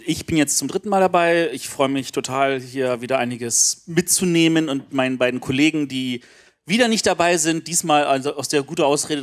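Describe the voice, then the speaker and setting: A man introducing himself as a podcaster at a workshop in a large seminar room, chatty and joking. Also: medium pitch. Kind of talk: self-introduction.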